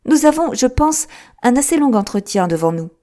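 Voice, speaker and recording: A woman voicing a sharp, composed male detective in an audiobook, with a lifted, emphatic delivery. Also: a little high, sing-song, normal speed, pitched above the performer's own voice. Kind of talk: audiobook character reading.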